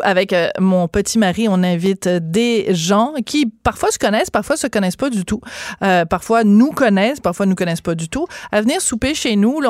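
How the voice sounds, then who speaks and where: A woman with a Quebec French accent hosting a talk radio show, brisk and chatty. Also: medium pitch, a little mellow, no room sound, clean studio sound. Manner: brisk, chatty, quick laughs. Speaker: radio host.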